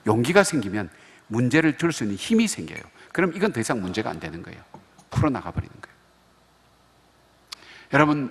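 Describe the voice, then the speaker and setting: A middle-aged male pastor delivers a revival sermon, spinning stories and slipping into the voices of the people he quotes. His voice is husky with a gravelly edge. It rings with a long echo through a church sanctuary. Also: medium pitch, a bit bright. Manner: storytelling, acting out quoted dialogue. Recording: echoey church hall.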